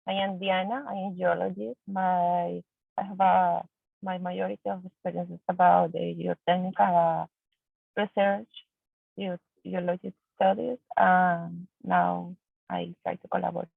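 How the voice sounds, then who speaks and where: Gravelly-voiced Spanish-speaking woman on a tinny line. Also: lowish voice, level tone, normal speed, dry recording. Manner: hesitant, searching for words. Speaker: geologist, presenter. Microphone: video call. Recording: tinny phone-like call audio.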